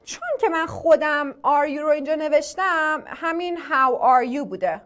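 A woman teaching an online English class. She asks the class questions, answers them herself and repeats English phrases slowly for drilling. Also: high-pitched, a bit bright. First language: Persian.

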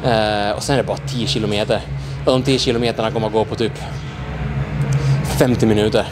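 A man's voice: lowish voice, steady tone, rough recording. Worn-out young man talking in a gym. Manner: tired, halting, many fillers. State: sore and worn out. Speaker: vlogger. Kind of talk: casual vlog chat. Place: large indoor gym. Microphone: handheld mic. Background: music playing.

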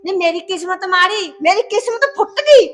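A woman's voice: very high-pitched, lively intonation, fairly quick. A woman playing a spiteful greedy stepmother. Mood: scornful. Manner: taunting, quarrelsome. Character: scheming greedy stepmother, sharp-tongued and scornful. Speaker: actor in a short film. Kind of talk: village family drama acting.

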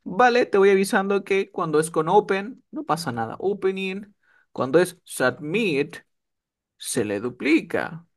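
A man's voice: high-pitched, expressive, measured pace. A man teaching English one-on-one over a video call, often checking that his student is following. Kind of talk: one-on-one online tutoring.

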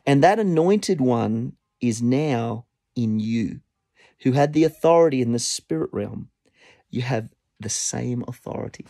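Guy preaching a sermon, animated storyteller, middle-pitched voice that shoots up on quotes. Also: measured pace, gravelly, dry recording, studio quality. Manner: animated storytelling, voice rising high when quoting.

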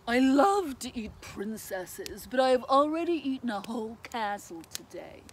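A pompous storybook dragon played by a woman reading aloud, boastful and dismissive. The words are drawn out grandly, with big swings in a high-set voice. Some faint noise sits behind it. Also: big pitch swings, measured pace. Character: boastful, busy male dragon, brushing off visitors.

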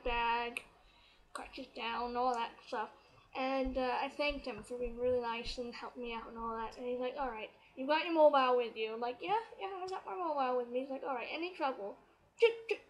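Excitable high-voiced woman. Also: poor audio. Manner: excitable, chatty, quotes others as she retells. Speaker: vlogger. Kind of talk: casual storytelling to camera.

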